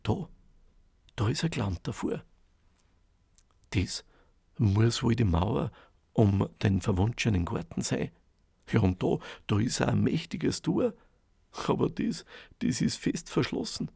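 A man tells a fairy tale aloud in a dramatic way. His voice is deeply gravelly and husky, with a lively, swooping pitch. Words are drawn out or dropped to a hush, and the recording is dry and close. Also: slow, long pauses, dry recording. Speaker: storyteller. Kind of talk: oral fairy-tale storytelling.

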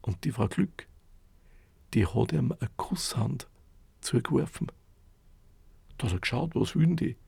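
A man telling a fairy tale in a lively, folksy, dialect-tinged way. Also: medium pitch, measured pace, vocal fry, pauses often, husky, no echo. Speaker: storyteller. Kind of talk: spoken fairy tale narration.

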